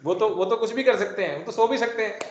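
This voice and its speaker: A man's voice: high-pitched, fast, a crowd in the background. A male chemistry teacher giving a classroom lecture, joking and explaining with everyday classroom analogies. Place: classroom with students present. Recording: echoey classroom, dull lo-fi sound.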